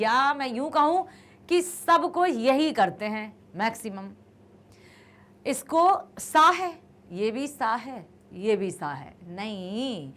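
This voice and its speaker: Young woman teacher, high and animated, patient and repetitive, grammar lesson. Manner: explains patiently, repeats words slowly.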